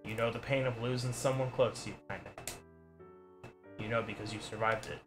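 A man reading aloud and voicing a vulgar, fierce old grandmother with a rough, rustic way of talking. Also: lowish voice, steady tone, brisk, over music, close to an everyday voice. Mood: stern.

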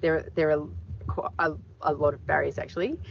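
A woman's voice: low-pitched, steady tone, normal speed. A middle-aged woman farmer answering interview questions outdoors in a paddock, thoughtful and full of fillers. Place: open farm paddock outdoors. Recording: dull audio with clear background noise.

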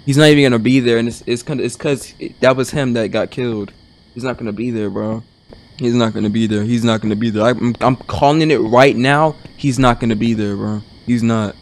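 A man's voice: mid-range voice, fairly even intonation, a little fast. A young man playing a horror game as a streamer, jumpy and scared, muttering one moment and shrieking the next, and saying "bro" constantly. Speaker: gaming streamer.

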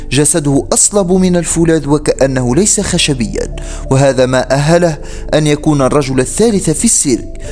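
A man's voice: a little high, a little mellow. A man reading a scripted horror story as its narrator. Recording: faint music behind the voice. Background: music.

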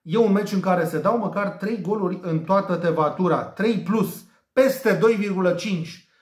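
A man from Romania with a somewhat high voice reads out his daily betting picks. He talks in a lively, playful way and stumbles over foreign team names. The room around him rings with echo. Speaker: betting tipster. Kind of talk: daily betting tips monologue.

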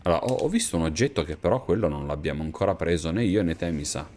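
A man's voice: deep voice, fast. A young man giving casual, slangy and jokey gameplay commentary with plenty of crude swearing. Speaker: streamer playing a video game. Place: small room at home, webcam stream. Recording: clear steady background noise.

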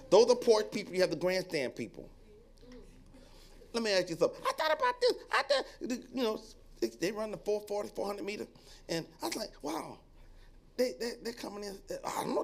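A male pastor delivers a sermon with a high, swooping voice, joking with the congregation and acting out onlookers' remarks. When he reads scripture and exhorts, he drops to a quieter, lower tone. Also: wildly swooping pitch, a little fast, vocal fry.

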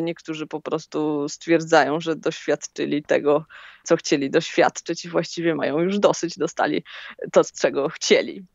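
Gravelly-voiced woman explaining calmly. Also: sits low, no room sound, lo-fi sound. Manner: calm, thoughtful, explanatory. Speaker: long-distance hiker, guest. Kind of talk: interview answers.

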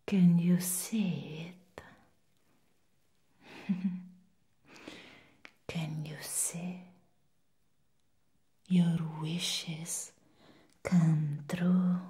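A woman acts out a seductive she-devil in a whispered role-play. The demonic whisper is very slow, soft and dark, low-pitched and breathy. She coaxes and teases like a temptress luring a human.

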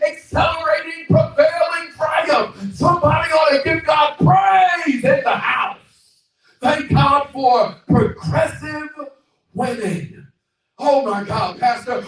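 Man, middle-aged, pastor, call-and-response preaching, shouted exclamations, faint music behind, very echoey hall. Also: extremely high pitch, recorded from a distance. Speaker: guest pastor. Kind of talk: preaching sermon. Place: church hall, small. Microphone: handheld mic, far camera.

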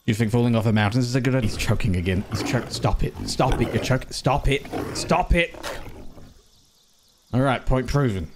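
A man giving playful game commentary, talking to himself and breaking into silly high yelps. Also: a little fast, noisy background. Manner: joking, talks to himself, sudden high yelps. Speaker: gaming streamer. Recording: game music behind the voice.

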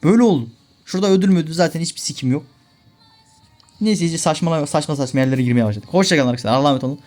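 A man's voice: a little high, rapid-fire, a little mellow, soft background music. A young man giving live gameplay commentary, ranting and swearing at his teammates in frustration. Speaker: gaming video creator.

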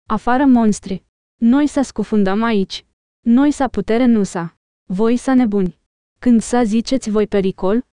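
A woman voicing a clumsy, excitable male Gungan creature who talks in broken, childlike grammar in an audiobook reading. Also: a little high, clear, resonant tone, no echo, studio quality, close to an everyday voice. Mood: panicked.

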